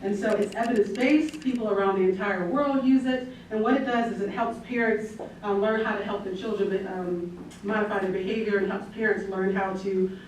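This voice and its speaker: A woman's voice: mid-range voice, steady tone, a little fast, a little mellow, a little hiss or hum. A woman leading a volunteer training session, upbeat and encouraging. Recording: echoey room, mic far off.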